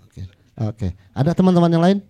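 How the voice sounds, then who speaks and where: A man's voice: a little high, animated, brisk, dark tone. A man moderating a live book talk, coaxing the audience to ask questions and hesitating with fillers.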